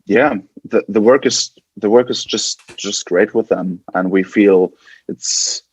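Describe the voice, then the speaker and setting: A band guitarist from West Germany, appearing as a podcast guest, chats casually in a German accent, often repeating and restarting his words. His voice is fairly low with a breathy edge, his pace is slow, and there is no echo.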